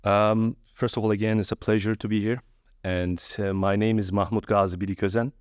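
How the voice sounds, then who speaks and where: A friendly man from Turkey in his forties speaks as a podcast guest with a very low, deep voice. The sound is dry and close to the mic, with no room around it. He talks in a relaxed, conversational way. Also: fairly quick, clear, resonant tone, dry recording. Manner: friendly, storytelling with animated quoted voices. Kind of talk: casual interview conversation.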